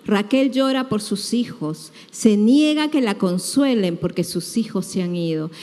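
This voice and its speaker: A woman from Peru preaching a sermon, animated and acting out the voices of people she quotes. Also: mid-range voice, unhurried. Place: church hall. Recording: hall reverb.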